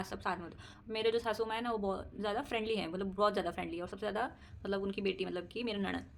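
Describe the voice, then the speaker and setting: Fast-talking chatty woman vlogger. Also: mid-range voice, vocal fry, slight background noise. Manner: chatty, laughs often, mixes English words. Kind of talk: casual personal chat to camera.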